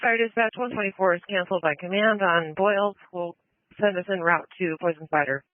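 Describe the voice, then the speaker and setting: Medic guy on scanner radio, high voice, rattles off unit reports fast, tinny. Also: steady tone, no echo. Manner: speaking over a radio. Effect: radio transmission. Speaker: emergency responder in the field.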